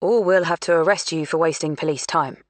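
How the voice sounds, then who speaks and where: A woman reading an audiobook, voicing a calm, firm, businesslike female police detective. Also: deep voice, a little fast, dry recording, close to an everyday voice.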